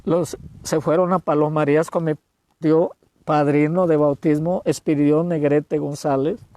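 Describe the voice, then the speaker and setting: Mexican evangelist guy in his 60s, high voice, slow emotional preaching, noisy outdoor rural background. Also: fairly even intonation. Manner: emotional storytelling, swings between loud exclamations and hushed words. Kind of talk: sermon.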